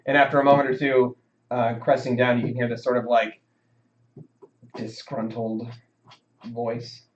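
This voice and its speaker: A man's voice: mid-range voice, completely flat delivery, measured pace, slight background noise. A man narrating as game master, rambling with lots of fillers. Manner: rambling, full of fillers and hedges. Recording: dull lo-fi sound.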